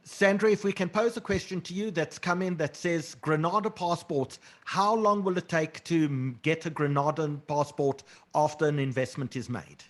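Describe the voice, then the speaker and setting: A man hosting a panel webinar, briskly putting audience questions to the panelists over a video call. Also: fairly high pitch. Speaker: webinar host. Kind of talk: moderating a panel Q&A.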